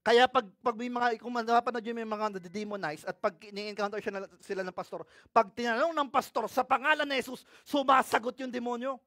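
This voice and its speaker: A man with a Filipino accent preaching a sermon in a mix of two languages, reading scripture aloud and often asking his congregation questions, swinging between loud and hushed. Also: extremely high pitch, steady tone, a little fast, hardly any pauses, dry recording, clean studio sound.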